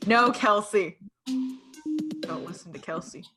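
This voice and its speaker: A woman's voice: mid-range voice, a little slow, over loud music. A young woman hosting an online trivia game on a video call, chatty and giggly, with lots of filler words. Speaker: webinar host. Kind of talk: casual chat running online trivia.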